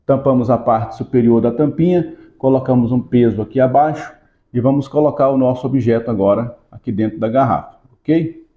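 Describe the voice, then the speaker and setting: A man's voice: fairly quick, echoey room, phone-quality sound. A man, a pastor, teaching a Sunday school lesson with a hands-on demonstration, explaining step by step and checking in with his listeners. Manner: raises pitch in rhythmic command when casting out.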